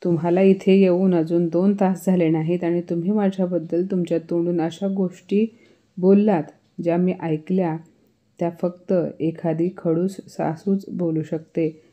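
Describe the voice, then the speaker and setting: A woman's voice: fairly low pitch, little pitch movement, moderate pace, mellow, dull audio, lightly acted. A woman voicing an outspoken young daughter-in-law who answers back pointedly in a storybook reading. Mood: defiant.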